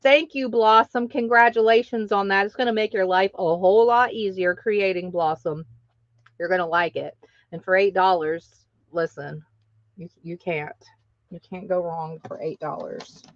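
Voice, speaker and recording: A woman's voice: lowish voice, fairly even intonation, normal speed, dry recording, muffled recording. A woman hosting a live craft sale stream, chatting casually with viewers and laughing often.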